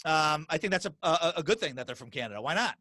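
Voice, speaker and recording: A man's voice: a little high, expressive, quick pace, pushed and bright, no echo. A middle-aged man hosting a podcast, chatting casually and animatedly, with lots of restarts and repeated words. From US Northeast. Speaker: podcast host. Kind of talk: casual interview chat.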